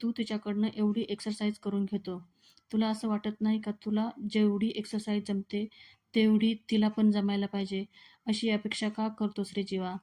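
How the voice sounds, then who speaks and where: A woman's voice: mid-range voice, monotone, normal speed, mellow, close to an everyday voice. A woman reading the lines of a worried middle-aged mother who scolds her son, in a plain pleading tone. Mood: scolding.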